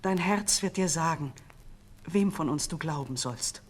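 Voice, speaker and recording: A woman's voice: low-pitched, unhurried. A woman voicing a dignified young queen in an earnest, pleading manner for a storybook reading.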